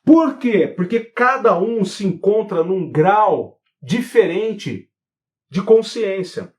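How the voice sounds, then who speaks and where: A man hosting a live online talk on spiritual therapy, animated and full of rhetorical questions. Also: sits high, takes it slowly.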